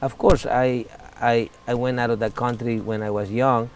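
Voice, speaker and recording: Salvadoran man in his 40s, middle-pitched voice, candid and earnest, faint noise behind him. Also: level tone. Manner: earnest, candid, halting non-native English. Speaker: interviewee. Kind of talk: casual interview talk.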